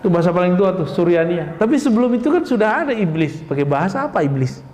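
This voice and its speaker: High-voiced man preaching in an echoey mosque. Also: animated, fast talker, a little mellow, slight background noise. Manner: conversational, addresses audience as Pak, rhetorical questions. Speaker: Islamic preacher. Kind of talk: sermon. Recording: echoey mosque hall with long reverb.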